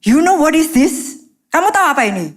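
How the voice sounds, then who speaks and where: Woman doing a stern roommate, late twenties, harsh barked scolding, raised pitch. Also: very animated, brisk. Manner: barking harsh reproaches, mixing English and Indonesian.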